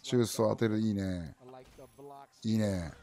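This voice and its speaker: A man's voice: fairly low pitch, slow pace, dark tone. A man in his thirties giving casual running commentary on a fighting game match, often in short, repeated remarks. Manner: clipped, repetitive short remarks. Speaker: livestream commentator. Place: indoor room, streamer's desk.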